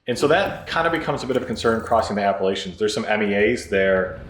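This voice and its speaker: A low-voiced American man talks quickly and informally, as if thinking aloud for a casual vlog. The room is echoey, with faint music behind him. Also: lively intonation, slight background noise. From Michigan, United States. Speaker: pilot video blogger.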